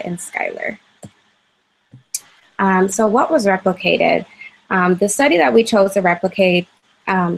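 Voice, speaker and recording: A 25-year-old woman from Cleveland gives a class presentation. She pauses often with "um" fillers. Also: on the low side, low-quality recording. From Cleveland, Ohio, USA. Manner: hesitant, frequent "um" fillers. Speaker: graduate student presenter.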